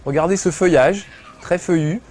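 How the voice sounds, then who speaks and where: A man's voice: fairly high pitch, moderate pace, a little mellow, slight background noise. A middle-aged man giving joking, chatty commentary while playing a video game, swearing casually. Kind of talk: gameplay commentary.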